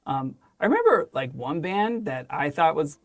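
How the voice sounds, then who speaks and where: Laughing, excitable middle-aged man. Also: on the high side, moderate pace. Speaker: podcast host. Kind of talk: casual chat.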